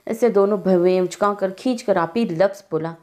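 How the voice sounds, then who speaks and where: A woman reading a novel aloud in a steady, expressive storytelling way. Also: medium pitch, normal speed. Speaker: narrator.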